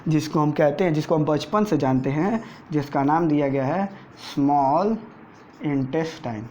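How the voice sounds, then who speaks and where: A man's voice: fairly high pitch, moderate pace, darkish tone. A male teacher giving a board lecture to school students, asking rhetorical questions, answering them himself and repeating key terms. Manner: repeats key terms, often tags "theek hai". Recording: dull lo-fi recording with faint noise.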